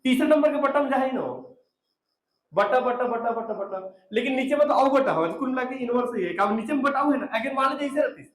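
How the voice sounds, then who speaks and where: A man's voice: extremely high pitch, expressive, a little fast, echoey room, a little hiss or hum. A man teaching a chemistry class, repeating answers and prompting his students. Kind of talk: classroom lecture.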